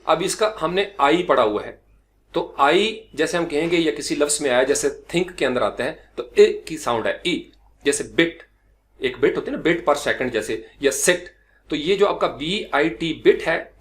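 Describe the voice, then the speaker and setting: Pakistani man drilling pronunciation slowly. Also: on the high side. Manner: repeats model words slowly and clearly, stretching sounds. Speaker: pronunciation teacher. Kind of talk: spoken language lesson with drilled examples.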